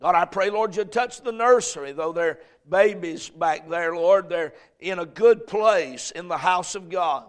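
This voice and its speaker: At a measured pace and with hardly any pauses, a high-pitched male pastor addresses his congregation in a reverberant church hall. He preaches in a folksy manner, leans on repetition, and swells as he reads Bible verses out loud.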